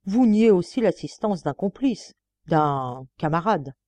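A woman's voice: fairly low pitch, expressive, unhurried, mellow, no room sound. A woman reading the part of a stern, commanding male examining magistrate. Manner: curt, commanding.

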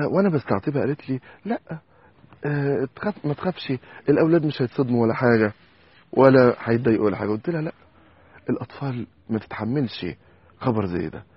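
A man with an Egyptian accent preaching a sermon, telling a story and moving from soft asides to loud exhortation. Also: medium pitch, husky, dry recording. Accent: Egyptian Arabic. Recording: dull lo-fi sound with faint noise.

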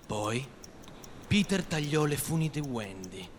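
A man narrating a storybook reading on the radio with lively, sharp delivery. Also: mid-range voice, slow, in a large hall, slight background noise. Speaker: story reader.

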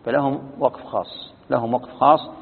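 Gravelly man teaching over a tinny line. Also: medium pitch, fairly even intonation, a little fast. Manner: reads verse lines then explains each in plain words. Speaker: Quran recitation teacher. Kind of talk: explaining a classical text on pausing rules. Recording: tinny phone-like sound in a reverberant hall.

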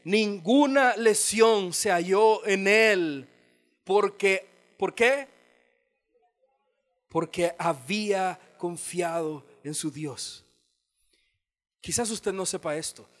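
A man's voice: fairly high pitch, fairly bright tone. A male pastor from El Salvador, preaching a sermon in a church auditorium and acting out biblical dialogue as he tells the story.

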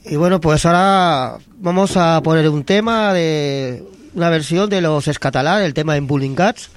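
A man with a slightly high voice co-hosts a radio interview in a studio. He introduces tracks and nods along with short replies. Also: moderate pace, smooth. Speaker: radio host. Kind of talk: casual radio interview chat.

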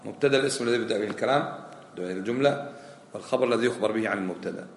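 Sheikh in an echoey hall. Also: male voice, fairly low pitch, rapid-fire. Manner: questions the students and answers himself, repeats key phrases. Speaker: sheikh teaching a fiqh lesson. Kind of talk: colloquial lecture on prayer rulings. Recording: echoey hall with faint ambient noise.

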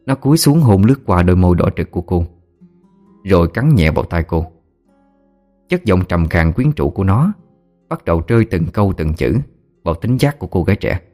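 Deep-voiced man narrating a story. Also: brisk, long pauses, soft background music. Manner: steady storytelling. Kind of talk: scripted audiobook narration.

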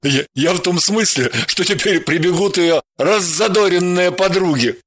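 A woman's voice: lowish voice, moderate pace, lightly acted. A woman doing a teasing, laughing husband. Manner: teasing, dry, laughing through words. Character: amused teasing husband, adult man.

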